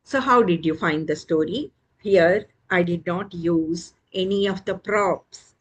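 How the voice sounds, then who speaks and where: Slow-speaking woman teacher. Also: fairly low pitch, breathy edge, rough recording. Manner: explanatory, asks tag questions. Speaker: early childhood education teacher. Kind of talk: lecture with storytelling demonstration.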